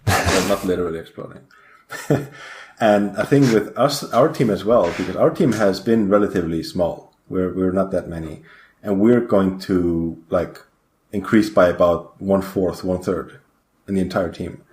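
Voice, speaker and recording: With a low, darkish voice at normal speed, a man from Iceland rambles through a podcast interview as a guest programmer. He's hesitant and uses many fillers, and the room sounds echoey.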